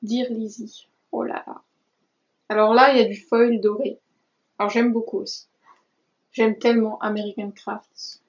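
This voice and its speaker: A woman's voice: a little high, little pitch movement, normal speed, dull audio. A woman vlogger chatting casually through a craft haul, enthusiastic and gushing, with many hesitations and little asides. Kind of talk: casual chatty vlog talk.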